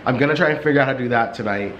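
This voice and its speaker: A young man vlogging casually from his warm apartment, rambling with many fillers in a monotone voice and a little short of breath. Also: medium pitch, racing, highs cut off, a little hiss or hum. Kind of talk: casual vlog chat. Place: warm sunlit apartment living room. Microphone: camera resting on a couch.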